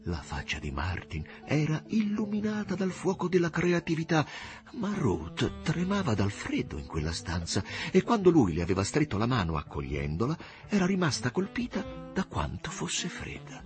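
Man narrating a novel with animated pitch. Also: normal speed, faint music behind. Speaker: audiobook narrator. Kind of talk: scripted literary narration.

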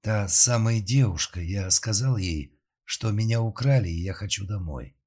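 A man voicing a frightened young woman who recalls her past slowly and haltingly under hypnosis, in an audiobook. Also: lowish voice, a little mellow, husky.

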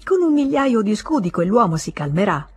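A woman's voice: medium pitch, sing-song, normal speed, slightly rough. A woman reading an audiobook voices a nervous young male clerk, weak-willed and evasive, with a hesitant manner.

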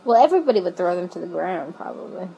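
A woman's voice: on the low side, very animated, fast, gravelly, dark tone, slight background noise, poor audio. A woman co-hosting a casual podcast, trading wry jokey asides with laughs. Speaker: podcast co-host. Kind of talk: casual chat.

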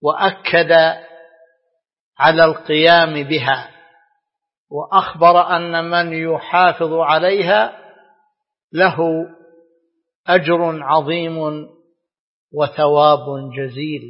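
Slow, echoing man lecturing in formal Arabic. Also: a little high, fairly even intonation. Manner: measured, deliberate phrasing in short segments with pauses. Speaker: religious scholar giving a radio talk. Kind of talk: scripted religious lecture in formal standard Arabic. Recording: dull lo-fi, long hall reverb.

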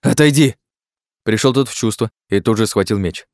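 Male narrator, very deep, measured storytelling, dry close sound. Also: darkish tone, no echo. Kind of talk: audiobook narration.

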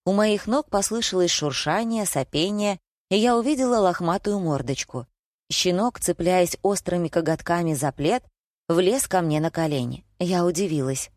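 Brief: woman, low voice, first-person audiobook narration, expressive, dry close sound. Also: no room sound. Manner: lively, expressive storytelling.

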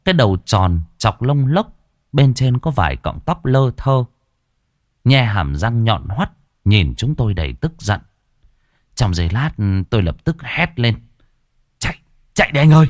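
A man's voice: medium pitch, sing-song, unhurried, dry recording, studio quality. A man narrating a first-person ghost story in a dramatic storytelling manner.

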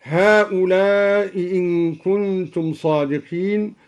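A man explaining recitation variants in a measured, deliberate way, slowly intoning each verse he quotes as an example. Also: high voice, steady tone, a little mellow. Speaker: Quran reading scholar. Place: radio studio.

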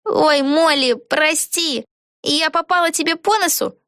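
A woman's voice: high voice, unhurried, fairly bright tone, no echo, studio quality, voice pushed up. A woman reading a storybook aloud and voicing an eager, cheerful young girl witch in a raised voice. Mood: flustered. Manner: eager, chatty.

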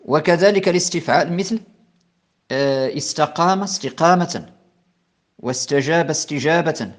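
A man with a slightly higher voice delivers a recorded grammar lesson. He explains patiently, repeating examples and restarting phrases as he works through each point. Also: fairly bright tone. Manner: slow, repetitive teaching with many restarts and fillers. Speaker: Islamic scholar teaching Arabic morphology.

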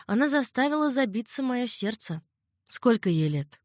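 A woman's voice: on the high side, very animated, normal speed, dry recording, studio quality, voice pushed up. A woman reading an audiobook, voicing a smitten young male companion who speaks eagerly and frankly.

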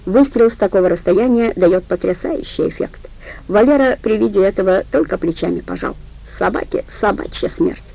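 Gravelly woman reading a crime audiobook. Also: medium pitch, moderate pace, dark tone, low-quality recording. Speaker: audiobook narrator. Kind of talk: scripted audiobook narration.

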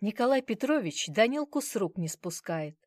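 A woman's voice: mid-range voice, sing-song, moderate pace, darkish tone, no echo, pitched above the performer's own voice. A woman reading an audiobook voices a poised young mother who speaks coolly and with self-assured, dry amusement.

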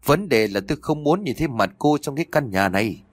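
An arrogant, cold husband, voiced by a male narrator, speaking with clipped contempt. His pitch swings widely, and the sound is dry and close. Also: lively intonation, fast, no room sound, natural voice. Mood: contemptuous. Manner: contemptuous and hissing through teeth.

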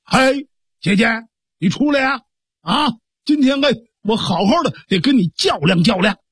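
A storyteller voicing a rowdy, boastful young man who taunts his sister in a pitched-up voice. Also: very animated, brisk, husky, dry recording, studio quality. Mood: taunting. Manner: taunting, cocky shouting.

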